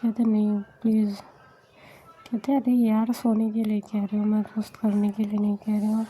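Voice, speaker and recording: A woman narrating a romantic story in a soft, whispered role-play, voicing every character herself. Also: medium pitch, monotone, moderate pace, breathy edge, poor audio.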